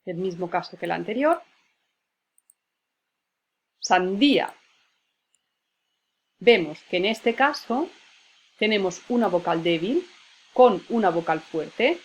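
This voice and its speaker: A woman's voice: medium pitch, animated, moderate pace, slightly rough. A woman teacher, patiently explaining spelling rules and spelling out words syllable by syllable. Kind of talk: spelling lesson.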